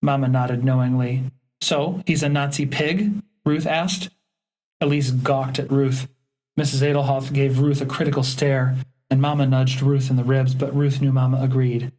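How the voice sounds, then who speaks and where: A man narrating a historical audiobook in a steady, measured reading. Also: mid-range voice, rough recording. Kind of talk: scripted narration.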